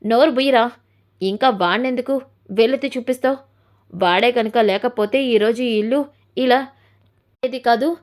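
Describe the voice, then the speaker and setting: A woman's voice: fairly high pitch, normal speed, long pauses, lightly acted. A woman voicing a stern middle-aged mother who lectures her grown son bluntly, in a retold serial story. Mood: scolding. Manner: scolding, lecturing.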